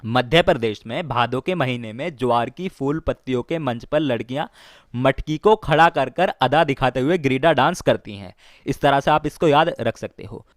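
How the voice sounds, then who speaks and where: A man's voice: mid-range voice, moderate pace, no echo, studio quality. A man teaching an exam-prep lesson, telling mnemonic stories and repeating key lines.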